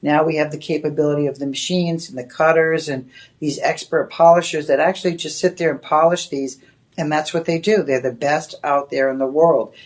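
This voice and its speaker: Selling live from a TV shopping studio, this Boston-accented woman keeps up a loose, rambling, chatty patter full of "you know"s. Her voice sits low and has a darkish tone, with fairly even intonation and a slightly fast pace.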